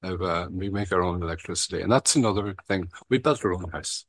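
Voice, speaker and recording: An Irishman with a low voice tells, briskly and frankly, how he founded a recovery meeting, rambling along with frequent "you know"s and casual swearing. It's a relaxed personal share, recorded without echo.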